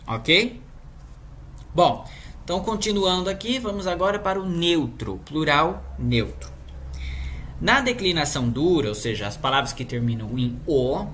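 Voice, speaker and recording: A woman's voice: deep voice, fairly bright tone. A woman with a Brazilian Portuguese accent teaching a language lesson in a casual, chatty way, checking in with her students often.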